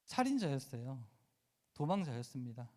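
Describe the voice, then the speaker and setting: A man's voice: mid-range voice, very animated, normal speed, a little mellow. A man preaching a sermon to teenagers, emphatic and asking his listeners direct questions. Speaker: youth pastor.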